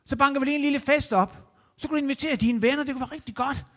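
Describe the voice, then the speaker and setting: A man voicing a gentle, kindly teacher who speaks in a calm, easygoing and inviting way. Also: very high voice, long reverb tail, pitched above the performer's own voice.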